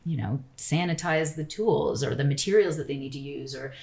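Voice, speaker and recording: A woman with a low voice talks easily as a podcast guest. She rambles through her thoughts and fills her speech with "like" and "you know", in a relaxed, conversational way. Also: normal speed. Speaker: architect guest. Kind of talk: casual interview chat.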